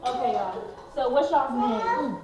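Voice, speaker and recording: A woman's voice: fairly high pitch, expressive, measured pace, muffled recording, crowd noise. A woman chatting playfully and bossily at a family meal at home. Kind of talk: casual chat. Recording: echoey distant phone recording with people around.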